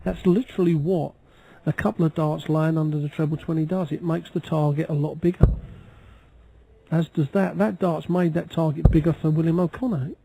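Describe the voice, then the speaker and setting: Male darts co-commentator, fairly high voice, chatty and explanatory, slight background noise. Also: fairly even intonation, normal speed, creaky, warm tone, muffled recording. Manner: conversational, explanatory. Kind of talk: live sports commentary.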